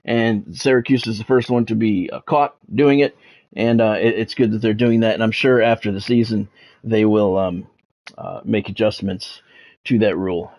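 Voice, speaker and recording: A former radio play-by-play announcer now hosts a livestream, casually delivering sports news in a lowish, darkish voice with steady tone at normal speed. He often pauses to repeat words and phrases.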